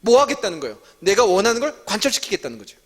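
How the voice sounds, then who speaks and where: A man's voice: high voice, wildly swooping pitch, very fast, a bit bright. Korean man teaching in a reverberant church hall. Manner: asks the audience many questions and answers them himself. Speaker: staff teacher leading a Bible study. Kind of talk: interactive sermon teaching.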